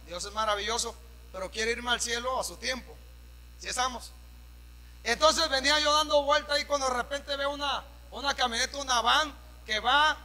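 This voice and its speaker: Mexican pastor preaching, high bright voice. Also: male voice, long reverb tail, poor audio. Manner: preaching with call-and-response questions, shouting at peaks; drops to a conversational storytelling tone for anecdotes. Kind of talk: sermon. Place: church hall.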